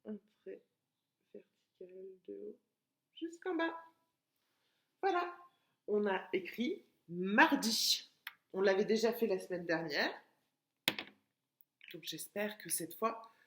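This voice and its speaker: Woman teacher talking real slow to little kids, stretching words out, kind of echoey room. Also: medium pitch, expressive, a little hiss or hum. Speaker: preschool teacher. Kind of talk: remote lesson for young children. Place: home, washing machine running.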